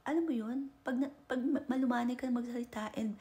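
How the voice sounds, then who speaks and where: A woman's voice: fairly high pitch, a little fast, dark tone. A woman from the Philippines with a Filipino accent, chatting casually as she gives relationship advice and mixes Tagalog with English, tagging her sentences with "no?" and "di ba?". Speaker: vlogger giving relationship advice.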